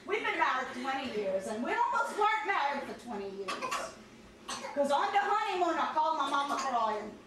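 A woman with a Cajun accent telling comic stories and bantering at a house party, animated and folksy, acting out the dialogue. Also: high-pitched, brisk, a crowd in the background. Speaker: comedian hired to entertain at a house party. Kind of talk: comic storytelling with audience banter. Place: crowded living room at a party. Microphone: camera across the room. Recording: echoey living room, distant camera microphone.

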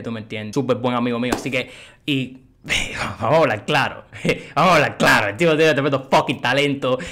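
A man giving casual, excitable reaction commentary on a music video. He swears often and keeps checking that the listener follows him. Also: mid-range voice. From Cuba. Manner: excitable, swears, keeps asking "you know what I mean".

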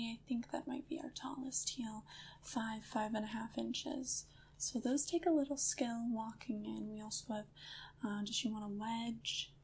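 A woman playing a friendly shoe store clerk in a whispered role-play, soft, gentle and attentive. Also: fairly high pitch, breathy edge, full character voice.

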